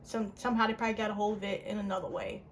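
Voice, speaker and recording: A young woman recounts a personal ordeal in a casual, chatty way. Her voice sits at an ordinary middle pitch but keeps leaping sharply higher when she gets worked up. A faint hum of room noise sits under her talk. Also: very fast. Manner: animated, with big pitch jumps and frequent "like" fillers. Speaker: vlogger. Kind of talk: casual storytime.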